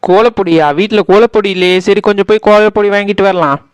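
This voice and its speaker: A cheeky young wife, voiced by a man with a Tirunelveli Tamil accent, who teases and answers back politely. The voice is pitched very high and sounds smooth and clean, recorded dry and close for a cartoon. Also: steady tone, fast talker, no echo, lightly acted. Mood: playful. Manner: teasing, talks back politely. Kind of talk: cartoon voice acting.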